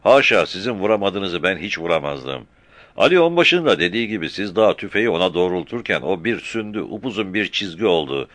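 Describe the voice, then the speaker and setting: A man's voice: deep voice, expressive, a little fast, fairly bright tone, no echo, pitched above the performer's own voice. A man doing a humble, deferential sergeant. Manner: respectful, humble. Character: deferential male army sergeant.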